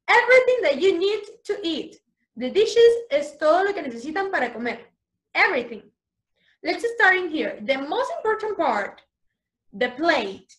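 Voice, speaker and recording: A young adult woman leads an online English lesson for small children, drawing out each letter as she spells and cheering the class on. Her voice sits high and her pace is very slow and deliberate. She moves back and forth between English words and Spanish explanations. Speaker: teacher.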